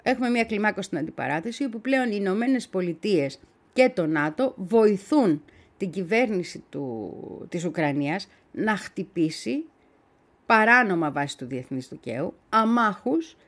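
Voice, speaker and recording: A woman's voice: mid-range voice, big pitch swings. A woman commenting on a radio talk show, explaining points step by step and speaking directly to her co-host.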